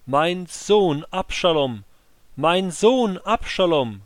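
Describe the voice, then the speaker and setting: A man's voice: high-pitched, animated, no room sound, voice pushed up. A man voicing a weeping, wailing old king. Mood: anguished. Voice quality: wailing, raised and slowed.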